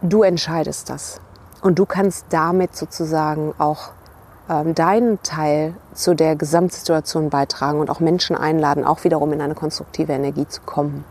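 A woman's voice: low-pitched, steady tone, normal speed, a little mellow, slightly rough. A woman giving a motivational talk to camera outdoors by a river, speaking reflectively to the viewer as a leadership coach and checking in with short tag questions.

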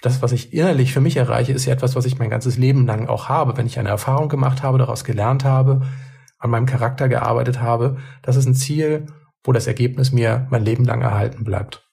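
A man's voice: mid-range voice, brisk, vocal fry, warm tone, breathy edge. A man co-hosting a podcast, talking through his thoughts in a reflective, casual way, often restarting and repeating words. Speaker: podcast co-host.

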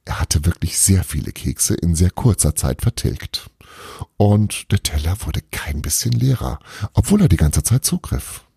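A man narrating a storybook with a deep, dark voice that swings in lively melody. The tone is gravelly and very husky. Dry, close recording. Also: a little slow, no room sound. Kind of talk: storybook reading.

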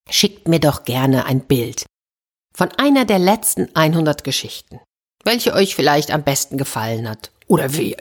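A woman hosting a children's story podcast, telling a fairy tale and speaking directly to young listeners. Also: sits low. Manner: warm-hearted, addressing children directly.

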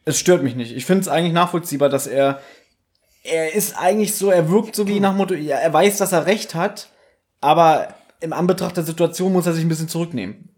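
A man's voice: fairly high pitch, fairly quick. Chatty man reviewing a radio play. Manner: animated, laughs often, quotes lines in put-on voices. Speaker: podcast co-host reviewing an audio drama. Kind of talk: casual chat.

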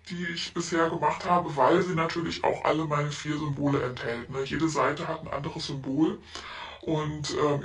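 A woman leaving a chatty, gushing voice message as a seller of spiritual crafts, her voice disguised and lowered by a voice changer. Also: a bit bright, recorded from a distance. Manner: chatty, gushing, frequent "ne?" tags. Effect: voice changer lowering her voice to sound deeper and disguised.

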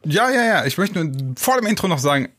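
A man's voice: sits high, sing-song, brisk, a bit bright. A man, co-hosting a casual podcast and making teasing, joking remarks. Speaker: podcast co-host.

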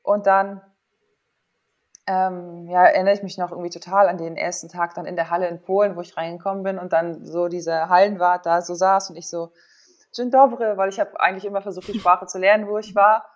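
A woman in her thirties, a former athlete turned sports psychologist, speaks as an interview guest, thinking aloud as she shares personal stories in a casual, candid way. Her voice sits fairly low with fairly even intonation and a fairly quick pace. The recording sounds muffled.

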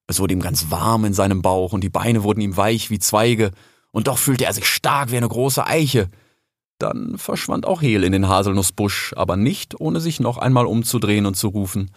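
A man narrating a children's animal story as an audiobook, in an expressive storytelling manner. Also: low-pitched, gravelly, breathy edge, dry recording, studio quality.

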